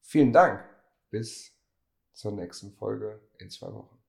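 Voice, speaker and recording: A man's voice: lowish voice, animated, slow pace, vocal fry, darkish tone. A man interviewing a guest on a podcast, joking and laughing often.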